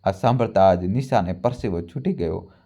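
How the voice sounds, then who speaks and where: A man's voice: low-pitched, normal speed, warm tone. A man narrating a family drama earnestly, often turning to address his listeners as friends. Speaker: storyteller.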